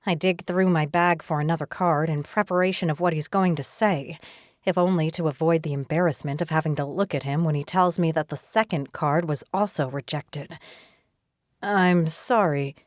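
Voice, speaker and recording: A woman narrating a romance audiobook in the first person in a steady, even reading voice. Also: sits low, a little fast, no room sound, studio quality.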